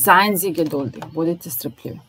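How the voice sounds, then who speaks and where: A woman teaching a language lesson, slowly repeating each phrase and then explaining it. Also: low voice, fairly bright tone, a little hiss or hum, poor audio. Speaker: German teacher.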